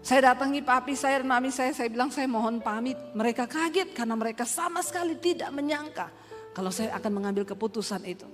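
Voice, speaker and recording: A high-pitched woman pastor in her forties from Indonesia tells her personal testimony as a sermon, speaking earnestly. Her voice rings through a reverberant hall with soft music behind it. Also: fast talker. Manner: earnest storytelling, often quoting others.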